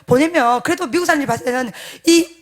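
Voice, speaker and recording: A woman pastor preaching a sermon, telling a story with emphatic swings between loud declarations and hushed asides, often turning to the congregation for agreement. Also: sits high, fast. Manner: addresses the congregation directly, seeking agreement.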